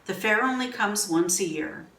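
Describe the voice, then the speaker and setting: A calm easygoing farm father, read by a woman. The voice is plain and reassuring, heard from a distance in a roomy space with faint music behind. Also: mid-range voice, moderate pace, natural voice.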